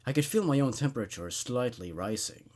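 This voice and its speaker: Hosting a horror story show, this man reads stories dramatically and then comments on them casually. His mid-range voice is animated and a bit mellow, and he talks a little fast.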